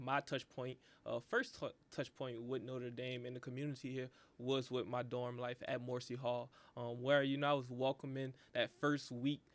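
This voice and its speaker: A college senior in his twenties from New Orleans, a man talking on a panel in a relaxed, slightly halting way. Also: mid-range voice. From New Orleans, Louisiana. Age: 20s. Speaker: student panelist. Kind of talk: casual panel talk.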